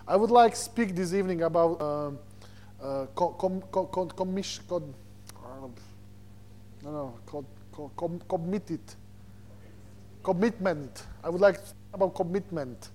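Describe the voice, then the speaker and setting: Preaching informally through personal anecdotes, this visiting preacher from Slovakia has a Slovak accent and pauses haltingly to find words in English, his second language. He has a high voice with a dark tone, plus a slight hiss or hum.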